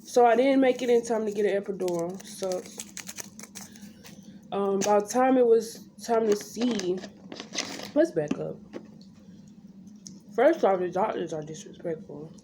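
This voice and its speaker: A woman's voice: mid-range voice, measured pace, pauses often. A young woman chatting casually to camera, telling a story in a blunt, unfiltered, slangy way. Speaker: vlogger telling her birth story. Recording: background noise, home ambience.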